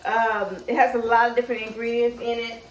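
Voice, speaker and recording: Brisk and on the high side, with little pitch variation, a braces-wearing woman cooks casually on camera for her home cooking vlog, narrating her thoughts informally. The distant mic picks up a roomy kitchen and faint noise.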